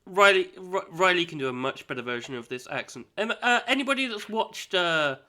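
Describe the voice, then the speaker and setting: Bright-voiced game master with a cold. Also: male voice, high voice, expressive. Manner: halting, with many fillers. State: has a cold. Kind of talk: narrating a tabletop game.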